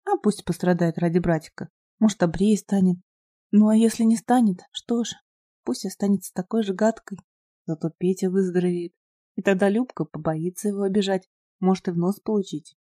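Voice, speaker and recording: A woman narrating an audiobook in a measured, expressive way. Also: mid-range voice, dry recording, studio quality. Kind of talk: scripted narration.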